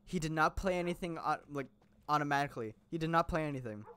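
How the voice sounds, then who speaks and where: A man's voice: fairly high pitch, fast talker, sharp tone, clean tone. Young male gaming host, slightly raised voice, rambling chatty delivery, a bit under the weather. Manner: rambling, chatty, laughs often, many fillers and restarts. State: a little sick. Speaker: gaming YouTuber. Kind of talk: casual gameplay commentary.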